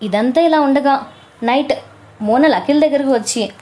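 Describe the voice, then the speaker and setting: High-voiced woman podcast host. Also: moderate pace, a little mellow. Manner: chatty, mixes English words into her talk, reads quotes with raised voice. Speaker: podcast host recapping a reality show. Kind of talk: casual storytelling recap.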